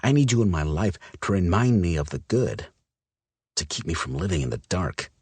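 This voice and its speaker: A man playing a gruff, tormented werewolf. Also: very animated, moderate pace, darkish tone, no echo, heavily acted. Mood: tender. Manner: low, tight, intense. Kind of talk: audiobook character voice.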